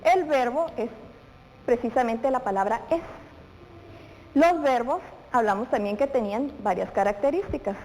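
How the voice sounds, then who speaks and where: A woman's voice: on the high side, normal speed, darkish tone. A woman teaching a televised grammar lesson to children, asking questions and then answering them as she speaks directly to the pupil. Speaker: primary school teacher. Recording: reverberant room with faint noise.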